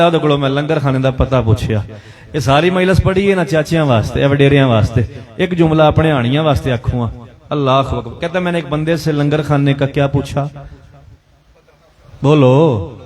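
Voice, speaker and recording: A man with a Punjabi accent reciting a Shia majlis sermon, telling a story in mixed Urdu and Punjabi and calling out to the crowd. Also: on the high side. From Pakistan. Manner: mixes Urdu and Punjabi, dramatic storytelling with chanted calls to the crowd.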